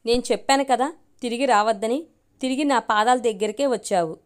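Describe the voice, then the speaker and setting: A woman's voice: on the high side, brisk, smooth, lightly acted. A woman voicing a proud, sneering middle-aged husband in a storybook reading, talking in a mocking, scornful way. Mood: cold.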